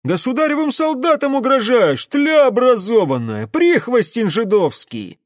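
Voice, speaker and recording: Brief: male reader as crude young troopers, high shrill shouting, coarse. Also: big pitch swings, a little slow, no echo, studio quality, full character voice. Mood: indignant. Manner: coarse, loud, colloquial. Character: rough young male cavalry soldiers, crude and jumpy.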